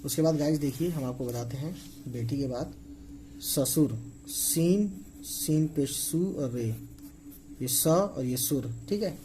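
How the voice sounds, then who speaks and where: Man spelling out letters in a slow lesson. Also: on the high side, warm tone, slight background noise, rough recording. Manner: slow, spells letters aloud, repeats okay often. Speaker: Urdu script teacher. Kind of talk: casual spoken lesson.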